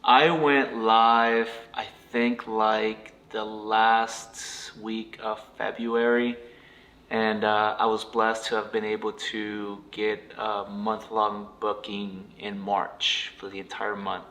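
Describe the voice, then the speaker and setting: A man answering interview questions as a guest in a laid-back, brief, halting way. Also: lowish voice, little pitch movement, bright, forceful tone. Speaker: guest, rental property investor.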